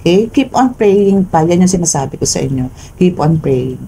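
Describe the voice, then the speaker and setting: Woman, Filipino accent, tarot reader, low voice, emphatic, keeps asking "no?", faint background hiss. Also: expressive, normal speed, warm tone, poor audio. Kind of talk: collective tarot reading for viewers.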